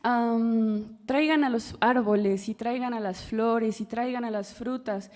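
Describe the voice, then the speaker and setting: A woman's voice: fairly high pitch, fairly even intonation, takes it slowly, a little mellow. A woman voicing Grandfather Fire, a commanding old spirit. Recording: long hall reverb.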